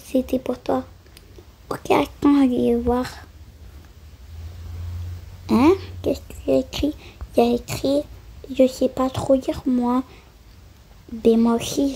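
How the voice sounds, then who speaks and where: A woman acting out a doll-play story, switching quickly between the lively voices of many children and grown-ups. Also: sits high, breathy edge. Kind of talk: acted-out doll play voicing many characters.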